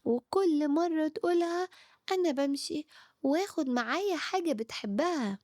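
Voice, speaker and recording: A woman with an Egyptian Arabic accent voicing Time itself as a calm, wise figure that gently scolds a child. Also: high voice, normal speed, no echo, studio quality, pitched above the performer's own voice.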